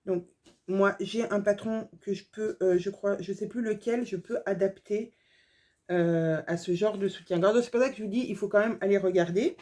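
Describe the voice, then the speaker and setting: A woman's voice: mid-range voice, normal speed, warm tone. A woman sewing vlogger chatting casually through a haul video, gushing over small details with lots of fillers.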